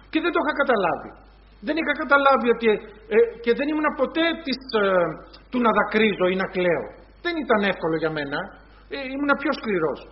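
A high-pitched man delivers a sermon, often turning to his listeners as brothers and acting out little dialogues as he speaks. The recording sounds dull and lo-fi. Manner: retells scenes in quoted voices, addresses congregation as brothers. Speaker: preacher.

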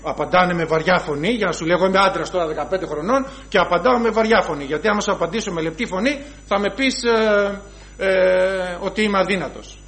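Deep-voiced priest preaching a sermon. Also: male voice, fairly bright tone, low-quality recording. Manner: slow emphatic preaching with rhetorical questions.

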